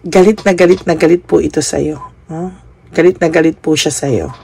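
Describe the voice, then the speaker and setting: Gravelly-voiced woman giving a tarot reading. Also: sits low, fairly even intonation, normal speed, a little mellow, slight background noise. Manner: polite, adds a questioning tag after nearly every phrase; mixes Tagalog with English words. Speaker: tarot reader.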